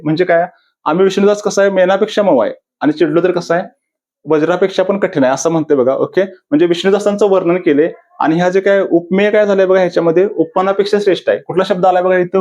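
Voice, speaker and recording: A man drilling exam answers, fairly high voice. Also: darkish tone, dull audio. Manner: repetitive, quizzing himself with question-and-answer drills; drawn-out, deliberate delivery of quoted verses. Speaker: exam-prep teacher. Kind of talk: classroom-style video lecture.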